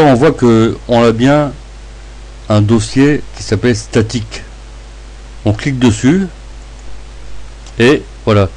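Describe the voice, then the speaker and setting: A man presents a computer tutorial at a very slow, halting pace. His voice is fairly low and very mellow, and his s sounds come out slushy with a lisp. He guides the listener step by step in short phrases. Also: a little hiss or hum. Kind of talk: step-by-step screencast narration.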